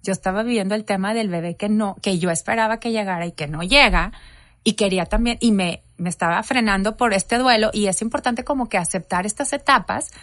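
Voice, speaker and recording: A woman's voice: mid-range voice, fairly quick, no room sound, studio quality. A woman, telling an interviewer the story of her own family. She tells it with energy and acts out the conversations she quotes. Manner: animated storytelling, acting out quoted dialogue.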